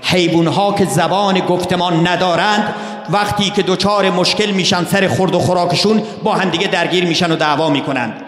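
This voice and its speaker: A man preaching to a gathering in a slightly higher register. He poses rhetorical questions, answers them himself, and calls his listeners brothers and sisters. His voice rings through a roomy hall with a long, trailing reverb. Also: fairly bright tone. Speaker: religious speaker. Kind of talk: sermon.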